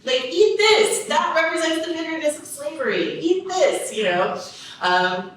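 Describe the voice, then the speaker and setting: A woman's voice: very high-pitched, lively intonation, measured pace, a bit bright. A woman speaker giving a chatty, enthusiastic personal talk to teachers, full of "like" and "you know". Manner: enthusiastic, chatty, many fillers. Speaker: religious leader speaker. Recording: very echoey room from far off, faint noise.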